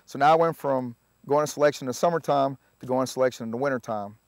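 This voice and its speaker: A man, a Spanish speaker, telling his story in a relaxed, halting way full of filler sounds. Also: mid-range voice, no room sound. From Puerto Rico. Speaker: army veteran guest. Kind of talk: casual interview storytelling.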